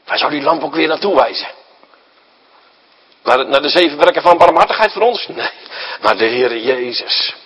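Male preacher, sermon, husky, lively pitch and raised tone, rhetorical questions. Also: normal speed, long pauses, rough recording. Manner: animated, rhetorical questions, acts out the story; swings between loud emphasis and quiet asides. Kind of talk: sermon to a congregation.

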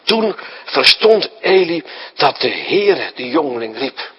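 Animated husky male preacher. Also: mid-range voice, takes it slowly, highs cut off. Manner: animated, rhetorical questions, acts out the story; swings between loud emphasis and quiet asides. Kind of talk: sermon to a congregation.

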